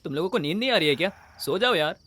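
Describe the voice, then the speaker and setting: A man's voice: high-pitched, expressive, racing, heavy background noise. A man dubbing a film role as a practical young man who brushes off his friends' fears. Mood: dismissive. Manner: dismissive, offhand. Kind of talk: Hindi film dub. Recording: loud film score under dialogue.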